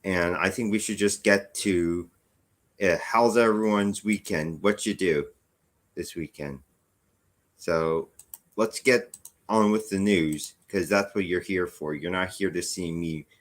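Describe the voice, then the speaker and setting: A man's voice: low-pitched, a bit bright. An American man hosting a casual news podcast, sounding tired and rambling, often restarting his sentences and making chatty asides to his viewers. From United States. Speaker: podcast host. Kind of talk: casual news-commentary monologue.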